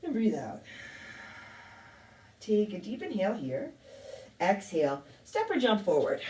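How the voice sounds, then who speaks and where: A woman teaching a yoga class, calmly calling out poses and breaths with a touch of self-deprecating humor. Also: on the low side. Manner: calm cueing with light self-deprecating humor. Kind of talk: guided yoga class instruction. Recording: echoey room, mic at a distance.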